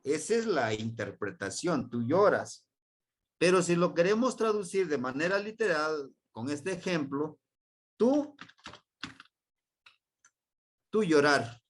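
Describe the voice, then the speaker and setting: A man with a Mexican Spanish accent teaching a language class, repeating words slowly and quizzing his students. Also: on the high side, big pitch swings, a little hiss or hum. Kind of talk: classroom grammar lesson.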